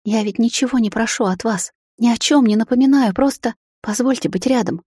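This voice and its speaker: A woman's voice: on the high side, fairly quick, mellow, breathy edge, no echo, pitched above the performer's own voice. Woman voicing a shy young vampire maid, raised, breathless, pleading and near tears, dry storybook read. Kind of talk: audiobook character voice.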